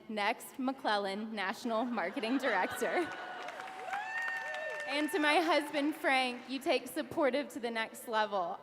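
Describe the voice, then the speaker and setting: A young woman in her twenties, her voice on the high side, accepts recognition on stage with an emotional, heartfelt speech, now and then laughing through tears. The audio carries slight background noise and the reverb of a hall full of people.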